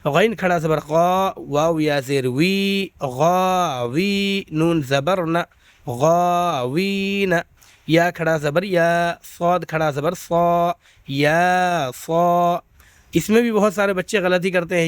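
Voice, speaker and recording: A man with a Pakistani Urdu accent teaches Quran reading in a fairly high voice, stretching each syllable slowly before moving on to quicker explanations. The sound is dry and close, with no room around it. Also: no room sound. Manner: slow drawn-out syllable recitation between quick explanations; patient, repeats checks with listeners. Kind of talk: spelled-out recitation lesson.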